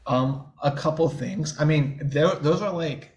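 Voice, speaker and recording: His voice is fairly high and a little mellow, and he speaks at a measured pace. A New Orleans-area man in his twenties, he appears as a podcast guest, stuttering openly with blocks and sound repetitions while talking candidly and easygoingly.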